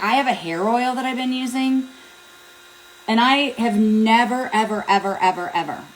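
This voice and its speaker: A woman's voice: medium pitch, slight background noise, low-quality recording. A middle-aged woman chatting casually through a hair tutorial at home, rambling and joking at her own expense. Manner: chatty, self-deprecating, rambling with fillers. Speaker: beauty vlogger. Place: home, at a mirror.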